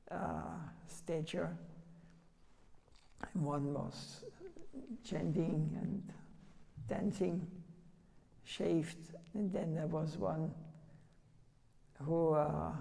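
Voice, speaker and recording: An older man, a spiritual teacher, giving a sermon and telling stories in halting, broken English. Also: fairly high pitch, creaky, dark tone, big-room sound. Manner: halting, storytelling, broken non-native phrasing. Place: temple hall.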